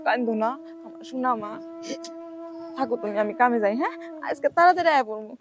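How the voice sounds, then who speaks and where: A woman's voice: sits high, expressive, normal speed, over music. A tearful young village woman. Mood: pleading. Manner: tearful, pleading. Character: poor young village woman, sorrowful and tender. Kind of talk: TV drama acting.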